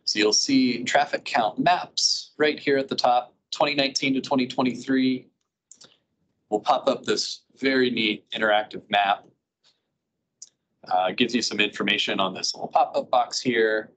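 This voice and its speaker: A man giving updates at a public advisory board meeting, talking in a relaxed way with many filler sounds. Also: mid-range voice, moderate pace, slight background noise, rough recording. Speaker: regional planning staff presenter. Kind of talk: meeting presentation.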